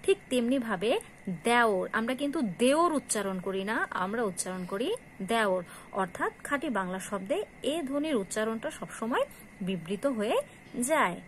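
A woman lecturer giving a classroom grammar lesson, explaining slowly and asking her students questions that she then answers herself. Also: a little high, animated, a little hiss or hum. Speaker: college Bangla lecturer.

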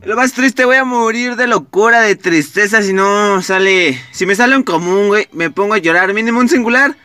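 A young man with a Mexican Spanish accent giving casual, excitable gameplay commentary, swearing often and talking straight to his viewers. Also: sits high, normal speed, clean tone, no echo. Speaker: gaming YouTuber.

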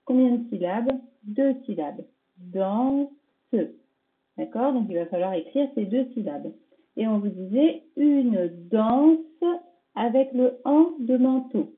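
Slow, patient woman teacher on tinny audio. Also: on the high side, animated. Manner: sounds out words syllable by syllable, stressing each sound; patient, checks in with the pupils. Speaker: primary school teacher. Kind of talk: recorded dictation correction for young pupils.

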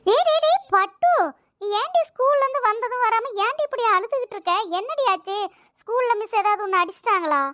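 A woman's voice: very high voice, lively intonation, brisk, a bit bright, dry recording, studio quality. A woman voicing a scolding cartoon mother. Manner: scolding, coaxing. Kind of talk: cartoon voice acting.

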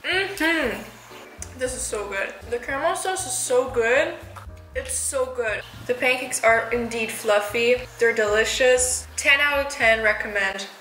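A woman's voice: a little high, a little slow, sharp tone. Bubbly young woman gushing over food. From Canada. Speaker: food vlogger. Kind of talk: casual vlog chat. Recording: music playing underneath.

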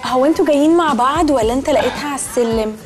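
An actress playing a catty, gushing young socialite with an Egyptian accent and affected English-sprinkled speech in a comedy series. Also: female voice, sits high, racing, over music, natural voice. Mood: preening. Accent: Egyptian Arabic. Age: young adult.

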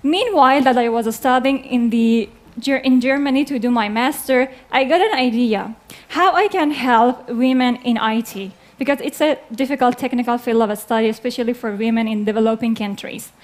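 Young woman from Afghanistan, earnest live stage talk, slightly high voice, headset mic. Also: normal speed. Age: 20s. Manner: earnest, plain phrasing, with hand gestures. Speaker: speaker. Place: large dark theater stage.

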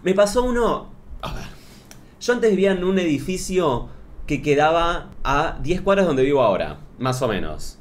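A man's voice: fairly high pitch, sing-song, moderate pace. A man with an Argentine accent, ranting to camera as a comedy youtuber in a sarcastic, exaggerated way. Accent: Argentine Spanish.

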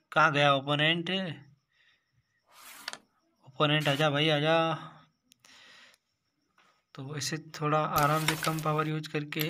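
A man's voice: a little high, noisy background. A man hosting a gaming channel, talking casually through each shot of a mobile carrom match and calling the viewers "guys". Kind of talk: casual gameplay commentary. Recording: game music loud behind the voice.

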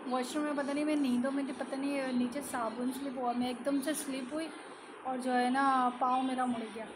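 A woman's voice: high voice, flat delivery, fairly quick, background noise. A young woman and mother chatting casually in a home vlog, talking in a loose, repetitive way. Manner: chatty, repeats herself, fills with "jo hai na". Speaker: vlogger and mother.

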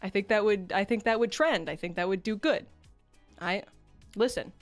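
A woman's voice: mid-range voice, normal speed. A woman streamer chatting casually on a livestream in a playful, giggly, self-deprecating way. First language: English. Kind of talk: casual livestream chat, debut introduction. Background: background music.

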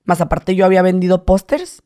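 Fairly quick in his delivery, a northern Mexican–accented man from Tijuana, late twenties, is a guest in a laid-back interview. He tells animated stories and does high voices to mimic people.

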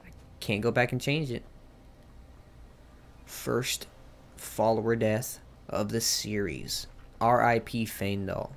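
A man's voice: on the low side, fairly even intonation, slow, creaky, long pauses. A young man hosting a let's play, giving casual, joking gameplay commentary full of slang. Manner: joking, slangy, talks to himself.

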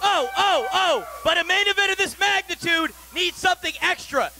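A man's voice: extremely high pitch, animated, moderate pace, creaky. A young man playing the boss in a wrestling promo, making emphatic announcements with stretched-out words. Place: brick-walled indoor wrestling venue. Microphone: handheld microphone.

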